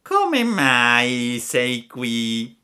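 A man voicing a sly, fawning fox swindler who speaks slowly in a drawn-out, mock-sorrowful way. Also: medium pitch, huge pitch swings, bright, forceful tone, smooth, pitched above the performer's own voice, heavily acted.

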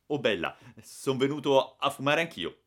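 A man's voice: mid-range voice, very animated, a bit bright, voice pushed up. A man voicing a cheeky, defiant young schoolboy who answers back proudly. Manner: proud, quick retorts.

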